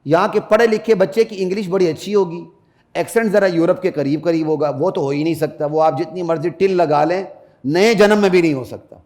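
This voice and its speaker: This middle-aged man preaches a Friday sermon as a mufti, swelling to loud, emphatic peaks and then turning to the congregation with quiet asides. Between them he chants Arabic verses melodically.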